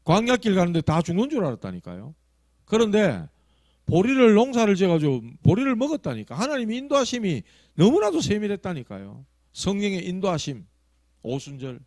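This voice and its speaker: A male pastor with a Gyeongsang accent preaching a sermon, telling stories that swing from loud emphasis to hushed asides. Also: sits high, huge pitch swings, fairly quick, no echo. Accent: Gyeongsang Korean. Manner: acts out quoted prayers and tongues.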